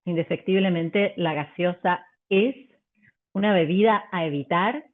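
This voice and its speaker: A woman vocal coach, teaching a live online workshop, full of fillers and restarts and demonstrating pitch and volume changes. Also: a little slow. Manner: hesitant, many fillers and restarts. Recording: tinny phone-like audio.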